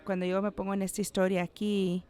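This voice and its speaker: A male pastor preaches conversationally during a church service, making playful asides to the congregation and acting out little voices for the people in his story. His voice sits high with a level, slightly mellow tone and a somewhat quick pace.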